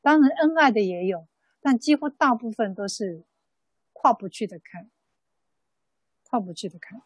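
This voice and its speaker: Nun teaching a sutra class, husky voice, dry close sound, slow story with lots of soft ums. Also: female voice, on the high side, expressive, dry recording, rough recording. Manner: unhurried storytelling with many soft fillers. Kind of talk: dharma talk told as a story.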